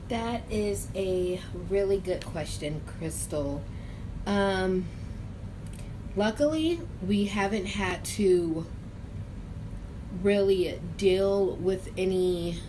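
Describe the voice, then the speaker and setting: A young woman hosting a casual question-and-answer vlog, chatty and hedging, with drawn-out phrasing. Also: mid-range voice. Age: young adult. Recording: noisy room ambience.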